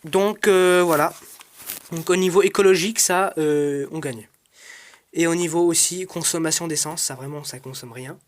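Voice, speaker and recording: A man's voice: a little high, moderate pace. A man hosting a casual product review vlog, chatty and informal, rambling with frequent hesitations and restarts. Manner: addresses viewers as "guys", frank and informal. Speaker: channel host reviewing his brush cutter.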